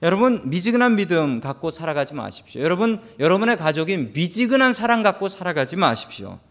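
A man's voice: high voice, sing-song, fast. A male pastor preaching a sermon, telling stories with humorous asides to the congregation.

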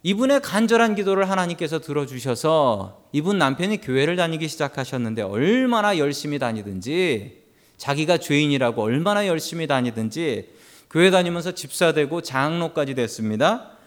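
Man, pastor, sermon, fairly high voice, very lively intonation, humorous storytelling. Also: moderate pace. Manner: animated storytelling with humorous asides to the congregation.

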